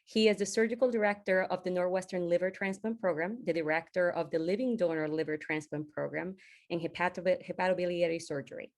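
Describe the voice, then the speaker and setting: Low-voiced woman moderating a webinar. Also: steady tone, fast. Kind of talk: formal introduction and interview questions.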